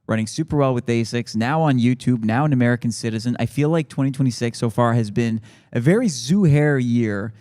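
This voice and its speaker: A man's voice: mid-range voice, brisk, few pauses, a little mellow. A man giving conversational sports commentary on a live stream, chatty and ready with opinions and anecdotes.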